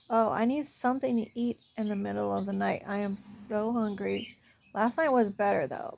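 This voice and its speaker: A woman's voice: medium pitch, gravelly, a little mellow, a little hiss or hum. A middle-aged woman talking casually in a rambling diet vlog, tired after a night shift and often dropping to a near whisper. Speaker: vlogger.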